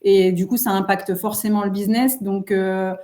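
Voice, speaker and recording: A woman's voice: mid-range voice, steady tone, moderate pace, mellow. A woman, a guest speaking earnestly and reflectively in a casual interview. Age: 30s. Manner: earnest, reflective, many fillers. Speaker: guest entrepreneur.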